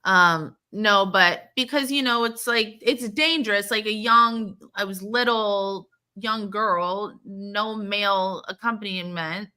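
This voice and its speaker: A woman's voice: medium pitch, takes it slowly, few pauses, sharp tone. A woman from Florida co-hosting a podcast, swearing and teasing her friends as she rambles through stories. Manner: crude, teasing, rambling storyteller. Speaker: podcast co-host. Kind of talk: casual banter.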